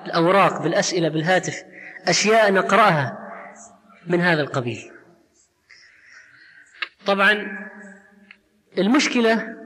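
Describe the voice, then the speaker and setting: A man preaches in a religious lecture with a notably high voice, earnest and emphatic, often posing rhetorical questions to his listeners. His words ring out with a long reverb, as if in a large hall. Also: fairly bright tone.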